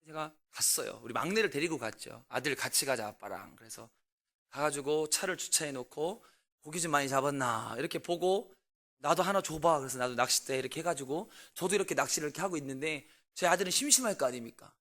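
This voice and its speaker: Man, pastor, 40s, storytelling sermon, somewhat high voice, questions to the congregation. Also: a little fast. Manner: animated, swings between loud outbursts and quiet asides.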